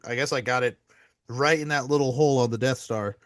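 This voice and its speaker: Excitable man on a podcast. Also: medium pitch, brisk, no room sound, studio quality. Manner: animated, swearing, laughing, gets carried away. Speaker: podcast co-host. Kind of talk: casual chat.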